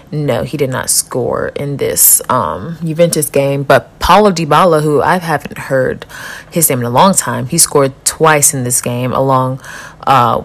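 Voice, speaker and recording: A young woman hosting a casual football podcast, chatty and rambling with quick asides. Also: extremely low pitch. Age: young adult. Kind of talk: casual chat.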